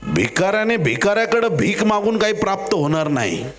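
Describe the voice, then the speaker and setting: A man preaching a sermon, acting out the characters in his stories with jokey asides and building to loud exhortation. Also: high-pitched, sing-song, brisk. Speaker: pastor.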